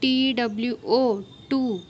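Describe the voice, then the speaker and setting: A woman's voice: fairly high pitch, fairly even intonation, slow pace, highs cut off, a little hiss or hum. A woman with a Maharashtrian Indian accent teaching a simple lesson, explaining as if to a young child.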